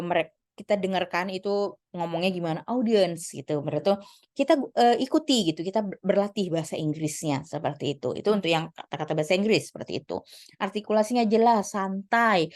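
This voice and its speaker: A woman's voice: mid-range voice, a little mellow. A woman giving a casual spoken lesson on presenting, chatty, with many fillers and restarts. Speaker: lecturer giving presentation tips.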